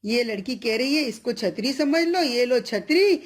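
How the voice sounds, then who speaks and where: A woman's voice: fairly high pitch, lively intonation, measured pace. A middle-aged woman teacher giving an online lesson to children, patiently explaining each word and asking the class questions.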